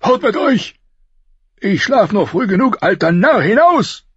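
A man voicing a dying, wounded king with a raspy voice, barking out harsh commands in an audiobook. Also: high-pitched, very animated, unhurried, no room sound, dull audio, voice pushed up, full character voice. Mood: commanding. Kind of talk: audiobook character voice.

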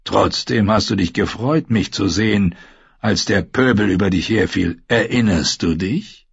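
A man reading an audiobook, voicing a scarred, brutal warrior who talks in a gruff, scornful, growling way. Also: fairly low pitch, measured pace, no echo, dull audio, full character voice. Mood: mocking. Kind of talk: audiobook character voice.

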